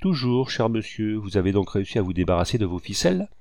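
A man's voice: on the low side, big pitch swings, fast talker, a little mellow, no echo, clean studio sound. A man voicing a tough male hunter who talks in a mocking, teasing way.

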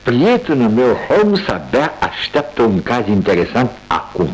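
Watson, friendly and good-humoured. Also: male voice, medium pitch, wildly swooping pitch, low-quality recording. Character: Doctor Watson, friendly loyal male doctor. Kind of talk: 1980s studio radio drama acting. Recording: old radio recording with faint hum.

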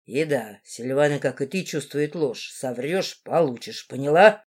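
A woman's voice: a bass voice, normal speed, darkish tone, husky, voice pushed down, exaggerated voice. A woman voicing a cruel, hot-tempered young male lord who growls menacing threats.

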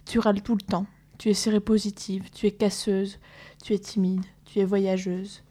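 A woman, an activist guest on community radio, reading a list briskly with an easygoing tone. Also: medium pitch, little pitch movement, mellow. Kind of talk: casual radio chat and reading a text aloud.

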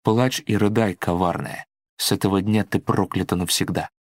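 A man voicing a stern male apostle who speaks gravely and accusingly. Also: low voice, normal speed, dry recording, clean studio sound.

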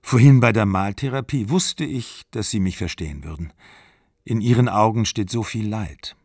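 A man's voice: on the low side, animated, normal speed, a little mellow, breathy edge, dry recording, clean studio sound. A man voicing a distraught young mother, speaking in an earnest, pleading way in a literary audiobook reading.

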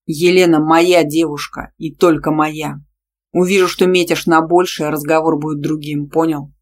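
A woman's voice: fairly even intonation, moderate pace. A woman voicing a possessive, domineering young male gym teacher who speaks curtly and with menace. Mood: stern. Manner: curt, low and threatening.

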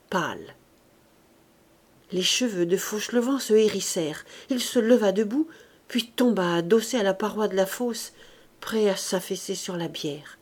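Calm woman reading a novel aloud. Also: on the low side. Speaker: audiobook reader. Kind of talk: scripted narration of a classic novel.

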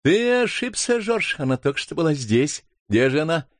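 A man voicing a gentle middle-aged mother in a storybook, asking soft questions. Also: deep voice, very animated, moderate pace, no echo, pitched above the performer's own voice.

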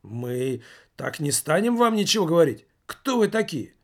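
A stubborn office worker presses his point again and again, as a male narrator voices him. The voice is a little high and earnest. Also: very animated, moderate pace. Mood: insistent. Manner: insistent.

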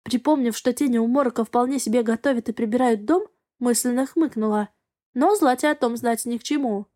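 A woman narrating a first-person audiobook in an even, measured way. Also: on the high side.

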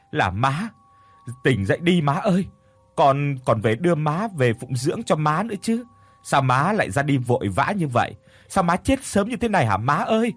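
A man's voice: medium pitch, slightly rough, no room sound. A man voicing a middle-aged daughter-in-law who wails theatrically and fakes her grief at a funeral in an audio story. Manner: melodramatic theatrical wailing. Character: woman, fake-wailing grieving daughter-in-law.

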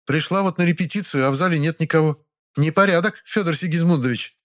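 A grand, sharp-tongued old actress, put on by a male narrator in a storybook reading. Her voice sits high above a man's usual register, haughty and theatrical. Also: quick pace, lightly acted.

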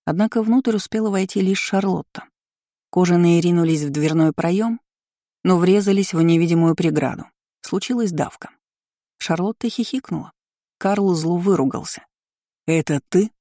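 An audiobook narrator reading a fantasy novel in a steady, even storytelling manner. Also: medium pitch, normal speed, no echo, studio quality.

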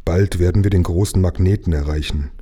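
A man voicing a sad, gentle young mermaid princess in a storybook read aloud, with a soft, tearful voice. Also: sits low, brisk, breathy edge. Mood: sad, earnest.

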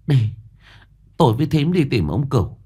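A man's voice: medium pitch, sing-song, moderate pace, warm tone, breathy edge, voice pushed up. A man voicing an anxious, bossy older village woman who presses and urges. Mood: urgent. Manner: urgent, insistent.

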